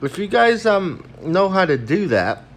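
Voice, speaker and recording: Rambling, animated man on a phone stream. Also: high voice, a little slow. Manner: crude, rambling, frequent fillers. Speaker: vlogger. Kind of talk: casual livestream rant.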